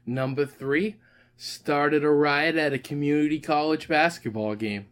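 Young man, slightly higher voice, dry wry remarks, casual podcast co-host. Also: a little slow, clear, resonant tone. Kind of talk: casual chat.

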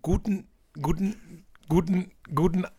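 A man's voice: high-pitched, steady tone, takes it slowly, dark tone, breathy edge. A man co-hosting a casual podcast, playfully stuttering his greeting over and over like a skipping record. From Germany. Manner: playful, jokey. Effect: stuttering repeats like a skipping record. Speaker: podcast co-host. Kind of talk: casual chat.

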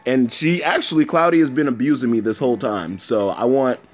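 A man's voice: mid-range voice, brisk, over music. A man who sounds nasal and congested from being sick, hosting a casual chat show with playful, teasing exaggeration. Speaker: show host.

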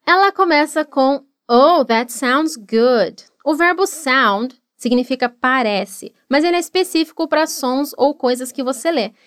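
A woman with a Brazilian Portuguese accent teaching an English lesson, encouraging and slowing down for model repetitions. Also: high-pitched, animated, fairly bright tone, no echo, clean studio sound.

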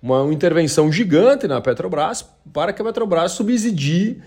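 A man's voice: a little high, expressive, a little fast, darkish tone. A man from Brazil hosting a daily market analysis show, talking in a conversational way with frequent tag questions and colloquial sayings. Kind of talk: casual market news commentary.

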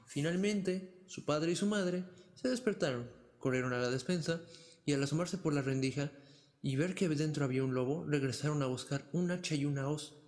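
A man reading a fairy tale aloud in an even, expressive storyteller manner. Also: fairly high pitch, moderate pace. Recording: long hall reverb.

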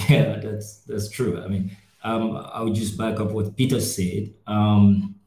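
A man from Cameroon, a podcast guest, speaking casually and hesitantly with many pauses and fillers. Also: on the low side, level tone, mellow, reverberant. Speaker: podcast guest, group founder. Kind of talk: casual discussion.

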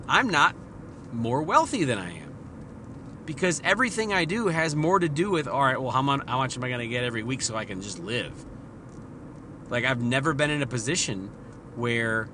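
A man's voice: mid-range voice, pushed and bright, a little hiss or hum. A married man hosting a solo podcast, talking in a casual, profane, rambling and self-deprecating way. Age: adult, married father. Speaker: podcast host.

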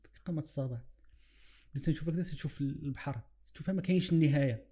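A man's voice: a little high, racing, dark tone. A man with a Moroccan Arabic accent reflecting on religion in conversation, illustrating with examples and mixing in English phrases. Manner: mixes English phrases into his speech.

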